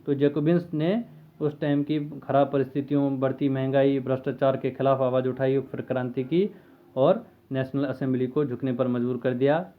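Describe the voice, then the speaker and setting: A man at an ordinary middle pitch talks through a history lesson, posing questions to the class and answering them himself. The sound is thin and narrow, like a phone line. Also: steady tone, normal speed. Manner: conversational, asks and answers his own questions. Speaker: teacher. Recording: tinny phone-like lo-fi audio.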